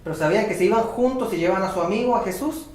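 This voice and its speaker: A man interpreting a sermon live, talking quickly and restarting phrases as he goes. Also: high voice, a little mellow. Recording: very echoey church hall.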